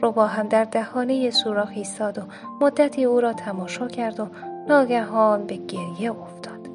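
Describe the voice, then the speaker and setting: A woman narrating a bedtime folk tale in a soft, hushed way. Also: a little high, over music. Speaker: storyteller.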